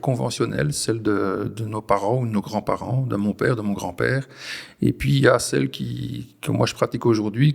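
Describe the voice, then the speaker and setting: Gravelly Belgian man in his forties. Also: mid-range voice. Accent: Belgian French. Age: 40s. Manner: hesitant, many restarts and fillers. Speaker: farmer, guest. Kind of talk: conversational interview.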